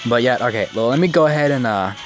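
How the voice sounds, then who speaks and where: This clip features a nineteen-year-old video creator reacting live to mobile game summons. Fast and mid-range, his excitable delivery includes stutters, captured by a phone mic pressed near his mouth over game music.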